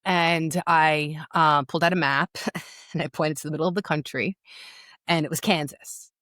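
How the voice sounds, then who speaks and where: On a podcast, a middle-aged New Yorker with a New York accent, who works as a loss and empowerment coach, candidly recounts her own story. Her low, steady, slightly bright voice moves at a moderate pace, repeating words for emphasis, in a dry, studio-quality recording.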